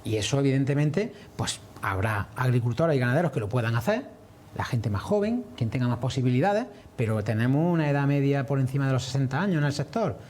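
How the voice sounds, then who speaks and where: A man's voice: mid-range voice, lively intonation, a little fast, darkish tone. A man answering as a farmers' representative in a broadcast interview, earnest and explanatory.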